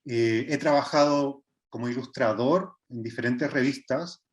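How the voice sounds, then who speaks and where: A man's voice: mid-range voice, a little slow. Hesitant Chilean man presenting an art workshop. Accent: Chilean Spanish. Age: 30s. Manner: hesitant, with frequent filler sounds and restarts. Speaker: visual artist leading a workshop.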